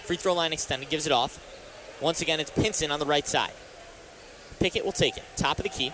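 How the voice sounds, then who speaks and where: Calling the action live on radio from an arena, a young American play-by-play announcer and reporter speaks a little fast in a slightly high voice. Background noise runs under his sports commentary.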